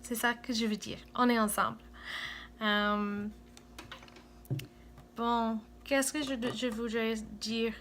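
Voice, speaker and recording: A woman with a Cameroonian-American accent speaks slowly in a fairly high voice, stopping often to hunt for words. She addresses her viewers in a friendly, self-deprecating tone. A faint hum sits behind her. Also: fairly even intonation, fairly bright tone. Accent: Cameroonian-American French. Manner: hesitant, searching for words, many fillers. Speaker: vlogger. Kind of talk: casual chat to viewers. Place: home.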